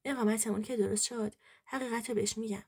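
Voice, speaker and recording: A woman reading a selfish husband in a story, sounding flat and dismissive. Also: on the high side, creaky, slightly rough. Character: cold, selfish husband emigrating abroad.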